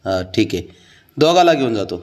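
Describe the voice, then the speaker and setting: A man's voice: medium pitch, sing-song, moderate pace. A man teasing and coaxing his cats at home in a playful, sing-song baby-talk voice. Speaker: pet owner talking to his cats.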